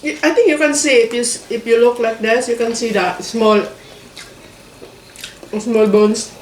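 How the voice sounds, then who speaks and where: A cheerful Filipino-accented woman, a mom who explains each dish and nudges her child to eat. She sits back from the mic in a roomy space, so her slightly high voice sounds distant and echoey. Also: steady tone, unhurried, a little hiss or hum. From Philippines. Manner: cheerful, explains the dishes, gently coaxes her son. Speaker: mother in a family food vlog. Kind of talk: casual mealtime chat on camera. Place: home dining table.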